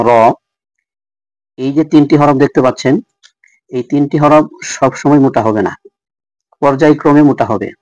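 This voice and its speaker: A man teaching Quran recitation rules, repeating each letter sound slowly and speaking directly to viewers. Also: medium pitch, a little mellow, no echo, muffled recording. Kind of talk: tajweed lesson.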